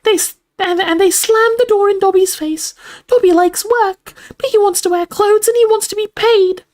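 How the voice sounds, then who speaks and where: A woman plays a small, eager-to-please male house elf from a storybook, using a squeaky, shrill voice, broken grammar, and third-person references to himself. Her delivery is steady, at normal speed, with a somewhat dark tone. He sounds delighted and eager.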